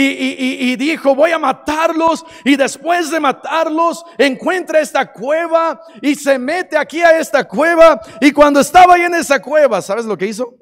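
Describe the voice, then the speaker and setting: A man preaching a sermon in a church, acting out scenes dramatically and swinging from shouts to quiet. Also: extremely high pitch. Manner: dramatic, acts out stories, shifts from shouting to quiet. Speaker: pastor. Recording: long hall reverb.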